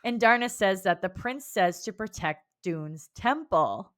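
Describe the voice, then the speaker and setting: Casting: female book podcast co-host, lively up-and-down delivery, casual and profane. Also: medium pitch, unhurried. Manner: animated, swears casually, laughs often. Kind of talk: casual book club chat.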